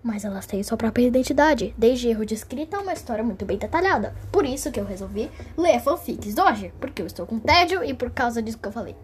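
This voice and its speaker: Husky-voiced playful woman. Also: on the high side, expressive, fast, few pauses. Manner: playful, jokey asides. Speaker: vlogger. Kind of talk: reading a fanfic aloud.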